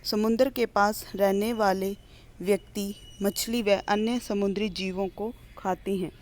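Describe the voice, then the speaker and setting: A woman teacher, reading a primary school lesson aloud slowly and clearly, pausing between the items of each list. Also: mid-range voice, steady tone. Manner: slow, clear classroom reading with list-like pauses.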